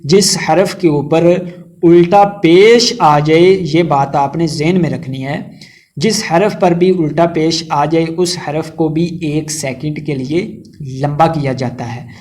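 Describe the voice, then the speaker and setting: Man, Pakistani Urdu accent, tajweed teacher, fairly high voice, slow chanted recitation, brisk explaining. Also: darkish tone. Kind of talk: tajweed lesson, spelling out letters and reciting.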